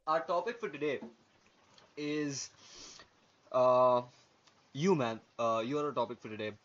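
A man's voice: medium pitch, measured pace. A man co-hosting a podcast in a casual philosophical discussion, speaking hesitantly with frequent tag words like yeah and okay. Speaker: podcast co-host. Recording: muffled lo-fi audio with background noise.

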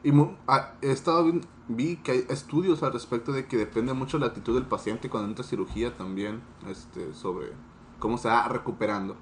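A man's voice: mid-range voice, a little fast, slight background noise. Young Mexican man, slangy student. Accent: Mexican Spanish. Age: young adult. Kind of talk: casual podcast discussion.

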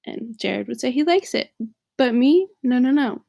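A woman's voice: high voice, lively intonation, moderate pace, creaky, dark tone. A young woman hosting a podcast, chatting candidly and joking, laughing often. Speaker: podcast host. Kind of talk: casual chat.

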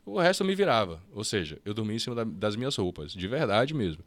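A Brazilian man telling his story as a podcast guest, lively and quick, with fast restarts and acted-out bits of dialogue. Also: lowish voice, dry recording. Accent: Brazilian Portuguese. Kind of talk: casual storytelling interview.

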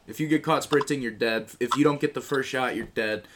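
A man's voice: mid-range voice, a little fast, noisy background. A man in his early twenties in casual, slangy banter with friends, complaining with plenty of swearing. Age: early 20s. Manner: slangy, profane, animated complaining.

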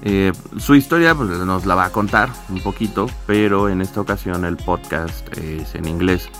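A man's voice: deep voice, a little fast. Male podcast host, hesitant conversational delivery, faint music underneath. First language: Spanish. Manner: hesitant, restarts often in English. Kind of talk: casual podcast chat.

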